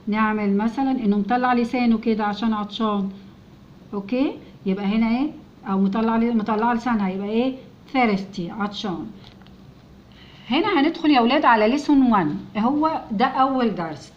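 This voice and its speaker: An Egyptian-accented woman teaching English to young children, spelling out each letter sound and repeating words slowly and patiently. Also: on the high side, highs cut off. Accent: Egyptian Arabic. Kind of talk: step-by-step phonics lesson.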